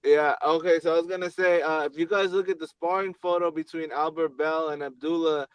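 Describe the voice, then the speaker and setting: A man's voice: fairly high pitch, steady tone, a little fast, clean tone, no echo. A man calling in to a casual sports chat over a phone line that keeps breaking up, hedging with many fillers and restarts. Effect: phone call breaking up, cutting in and out. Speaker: call-in panelist.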